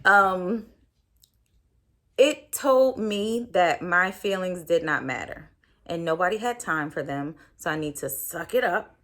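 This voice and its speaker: A woman's voice: fairly low pitch, animated, slow, a bit bright. A woman in her thirties, a podcast host, telling a personal story in a candid, reflective way, with many fillers.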